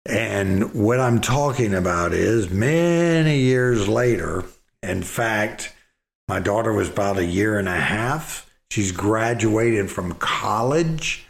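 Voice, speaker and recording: Slow, gravelly-voiced man telling a story. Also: lowish voice, expressive, reverberant. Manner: folksy, rambling with repeated words. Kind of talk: casual storytelling.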